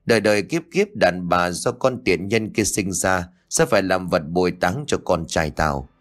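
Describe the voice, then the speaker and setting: A man's voice: low-pitched, normal speed, lightly acted. A man voicing a cruel old female sorcerer in an audiobook, cold and menacing, coaxing one moment and wrathful the next. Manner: menacing, cajoling then wrathful. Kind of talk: audiobook character voice.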